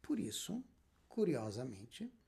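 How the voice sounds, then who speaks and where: A man's voice: mid-range voice, wildly swooping pitch, slow pace, vocal fry, warm tone, slightly rough. A man, a rabbi giving a spoken lecture and emphatically asking and answering his own questions. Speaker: rabbi teaching Kabbalah.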